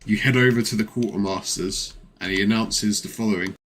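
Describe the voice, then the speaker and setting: A man's voice: lowish voice, steady tone, brisk, a bit bright, slight background noise. A man narrating a tabletop game as game master, setting the scene and explaining the rules patiently.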